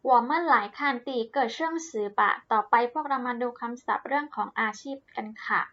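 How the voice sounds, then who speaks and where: A woman teaching a language lesson to children, cheerful and encouraging, saying words slowly and repeating them for pupils to copy. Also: fairly high pitch, highs cut off.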